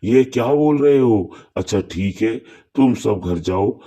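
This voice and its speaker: A man voicing a calm, steady village fisherman in a cartoon story, reassuring the villagers. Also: sits low, measured pace.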